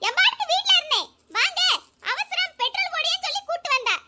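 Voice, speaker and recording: Squeaky village woman. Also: animated, quick pace, pushed and bright, exaggerated voice. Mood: scolding. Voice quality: squeaky, chipmunk-like high voice. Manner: bickering, teasing comic banter. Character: young Tamil village woman, squeaky and quick-tempered. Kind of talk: village comedy sketch. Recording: hissy background noise.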